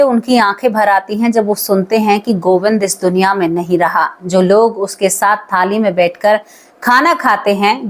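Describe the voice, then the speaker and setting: A woman telling a horror story aloud in a conversational way, talking directly to her listeners as friends. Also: medium pitch.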